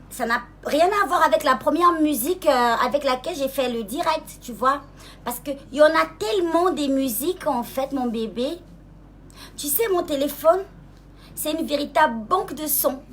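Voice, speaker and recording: A young woman with a high, bright-toned voice speaks straight to a rival in a casual live-stream rant. She sweet-talks and mocks in the same breath, drawling some words slowly and leaping higher in pitch when irritation takes over. Faint background noise sits behind her. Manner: mocking and sweet-talking, calls the listener "baby", asks "hmm?". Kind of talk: casual taunting monologue.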